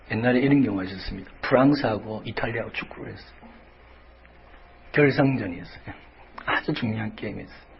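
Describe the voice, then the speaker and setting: A man's voice: medium pitch, lo-fi sound. A male pastor preaching a sermon dramatically, dropping to whispers and rising to cries.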